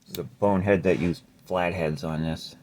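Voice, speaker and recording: A deep-voiced man talks through a guitar amp repair in a relaxed, explanatory way, now and then swearing under his breath. The recording carries a faint background hiss. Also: normal speed. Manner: laid-back, explaining step by step with mild cursing. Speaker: amplifier repair host. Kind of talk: casual repair tutorial.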